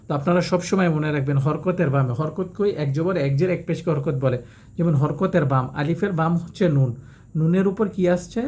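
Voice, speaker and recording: A man teaching recitation step by step, explaining quickly and then reciting each verse slowly in a drawn-out, melodic way. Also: on the high side, darkish tone. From Bangladesh.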